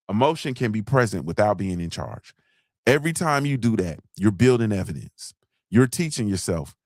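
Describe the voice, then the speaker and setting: A man's voice: lowish voice, no room sound, studio quality. A man hosting a morning show, giving fired-up motivational talk and repeating lines for emphasis. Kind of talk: motivational live-stream talk.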